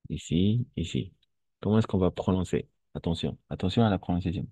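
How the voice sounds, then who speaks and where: Male language teacher, very low dark voice, dry lo-fi sound. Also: breathy edge, no echo. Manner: slow, patient, repeats phrases and switches to Spanish. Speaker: French teacher. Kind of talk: online French lesson for Spanish speakers.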